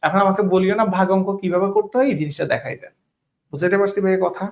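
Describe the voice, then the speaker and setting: A man with a high-sitting voice talks very fast while tutoring math in an online class. His style is casual, mixing in English words and often checking whether students understand.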